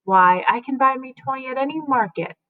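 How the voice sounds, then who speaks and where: A woman reading the lines of a witty young boy who asks quick, cheeky questions. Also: sits high, dry recording, voice pushed up, lightly acted. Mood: questioning. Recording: tinny phone-like dry sound.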